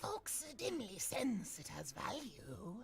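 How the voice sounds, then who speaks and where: A woman voicing a mysterious, sly old woman in a video game, speaking in a hushed half-whisper with cryptic, insinuating delivery. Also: mid-range voice, huge pitch swings, takes it slowly, gravelly, music in the background, heavily acted. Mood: sly, secretive. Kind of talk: theatrical video game character acting.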